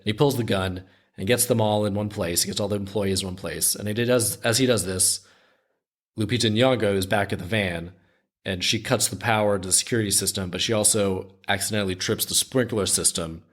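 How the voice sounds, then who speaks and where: Man, podcast host, low voice, casual story retelling, conversational, restarts often. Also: fairly quick, fairly bright tone.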